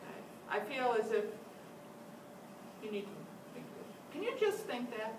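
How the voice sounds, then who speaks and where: A woman's voice: on the high side, sing-song, moderate pace. An older woman teaching a flute master class, giving encouraging instructions and frequent praise. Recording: echoey room, distant mic, loud noise.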